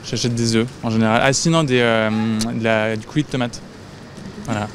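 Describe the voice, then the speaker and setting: A young man answering a street interview in a halting way with fillers, recorded outdoors on a handheld mic. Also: mid-range voice, fairly even intonation, slight background noise. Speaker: passer-by interviewee.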